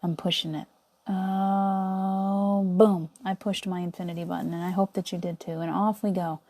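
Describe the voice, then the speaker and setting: A middle-aged woman, her voice low and steady, leads a guided visualization meditation at a fast pace. She sounds soothing and coaxing, and she often falls to a soft whisper.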